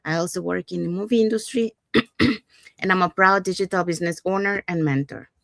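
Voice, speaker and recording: An upbeat woman from Panama hosts a live panel discussion over a video call, with a lowish voice. She moves things along with easy connecting fillers. The sound is dry and close, with no room around it. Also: moderate pace, creaky, fairly bright tone, no echo. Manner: upbeat, leans on "so" and "you know". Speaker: host. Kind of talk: live panel talk show hosting.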